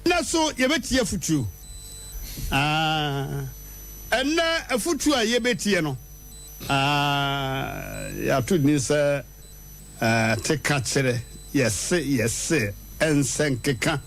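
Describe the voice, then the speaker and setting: Animated male radio host. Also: soft background music. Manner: lively, jumps high in pitch for punchlines, drawn-out words. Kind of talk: animated radio storytelling and proverbs. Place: radio studio.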